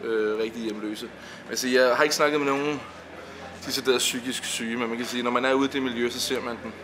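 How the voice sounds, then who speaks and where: A man's voice: medium pitch, fairly even intonation, crowd noise. A man, an actor, talks thoughtfully about his role in an interview, with hesitant fillers. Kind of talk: reflective interview talk. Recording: noisy background.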